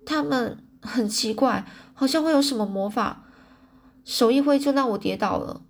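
A woman's voice: fairly high pitch, moderate pace, creaky, voice pushed up. A woman voicing a frightened, tearful teenage girl in an audiobook reading, earnest and upset. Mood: puzzled.

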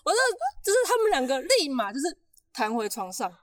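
Animated woman telling a story. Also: high voice, fairly quick, slight background noise. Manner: animated, laughs often, acts out shouting. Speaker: podcast host telling a story. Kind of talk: casual storytelling chat.

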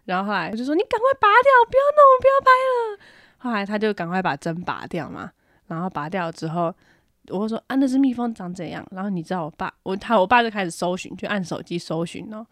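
A woman co-hosting a podcast, telling a story in casual chat, acting out her own panic in high squeals. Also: quick pace, no echo, clean studio sound. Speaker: podcast co-host.

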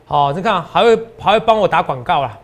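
Male finance host, Taiwanese Mandarin accent, high voice, rapid and emphatic delivery. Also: lively intonation. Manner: emphatic and repetitive, often ends lines with a tag question. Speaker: stock market analyst host. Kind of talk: animated market commentary.

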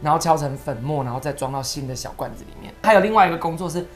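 A woman guest telling stories in an interview, animated and emotional, sometimes tearful. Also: low-pitched, very fast, soft background music. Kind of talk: storytelling interview.

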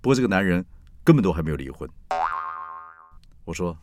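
A man's voice: low-pitched, very animated, brisk, a little mellow. A man hosting a show and telling a first-person anecdote, acting out the dialogue with friendly teasing. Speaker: host and storyteller.

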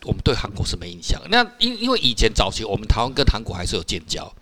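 Lively fast-talking Taiwanese man. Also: lowish voice, a little hiss or hum. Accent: Taiwanese Mandarin. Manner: animated storyteller, laughs often, frequent "哈" and "哦" particles; rough-talking, swears casually. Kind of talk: casual podcast chat.

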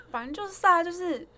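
A woman piano teacher, chatting casually on a podcast and telling stories with lots of laughter. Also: very high voice. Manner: animated storytelling, laughs often.

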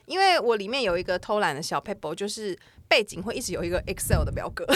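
A woman's voice: mid-range voice, expressive, quick pace, background noise. A woman in her thirties with a Taiwanese accent, chatting casually and emphatically as a podcast co-host. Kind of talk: casual chat.

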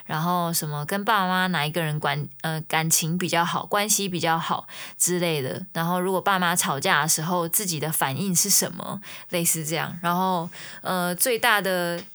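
Woman, lowish voice; relaxed first-person storytelling, filler-heavy. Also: normal speed. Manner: chatty, ends phrases with soft fillers. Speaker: singer-songwriter. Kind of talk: casual storytelling.

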